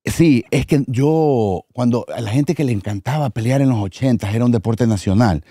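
A man, a podcast host telling stories in an animated way in casual chat. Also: mid-range voice, moderate pace, no echo, studio quality. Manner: animated storyteller, laughs often.

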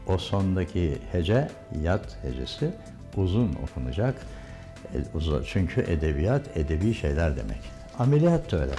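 A man's voice: low-pitched, very animated, moderate pace, dark tone, faint music behind. An older man giving a diction lesson, correcting pronunciation and stress with emphatic, instructive examples. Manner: corrective, emphatic about stress and vowel length. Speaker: diction teacher.

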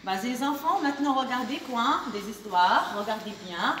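A woman's voice: a little high, animated, a bit bright, a little hiss or hum. Patient teacher woman in an echoey room. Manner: slow, patient, repeats questions to the children. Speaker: kindergarten teacher. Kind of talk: teaching a class of young children. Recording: echoey room recorded from far off.

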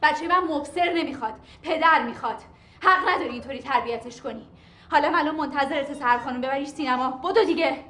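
An indignant mother in a film drama, scolding and demanding. Her voice runs high and carries in an echoey room. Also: pushed and bright. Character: indignant young mother defending her child. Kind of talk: film acting.

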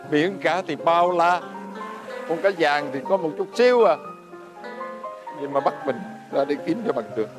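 A man's voice: a little high, expressive, normal speed, long pauses, over music, natural voice. A man playing a meek old fisherman. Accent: Southern Vietnamese. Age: older. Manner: chuckling, hesitant fillers. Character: poor old fisherman, meek, easygoing, laughs a lot. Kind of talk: fairy-tale drama acting.

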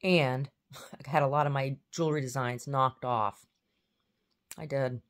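A woman's voice: rumbling low, steady tone, measured pace. A woman vlogging in a casual, rambling way, often trailing off and restarting her sentences.

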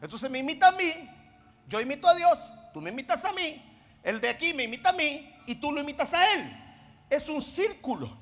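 A man preaching a sermon, swinging between loud emphatic declarations and low, intense asides. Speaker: apostle preaching. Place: church hall. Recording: long reverb of a large hall.

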